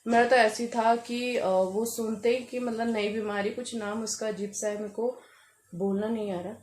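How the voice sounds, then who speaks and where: A woman's voice: a little high, fairly even intonation, moderate pace, a little mellow, a little hiss or hum. A young woman from Uttarakhand chatting casually to camera as a vlogger, full of fillers and breaking into laughter as she tells a story. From Uttarakhand, India.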